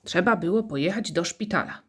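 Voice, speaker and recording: A woman's voice: fairly low pitch, brisk, slightly rough. A woman teaching English to young children in a recorded lesson. She explains patiently, tells playful little stories and has the class repeat after her.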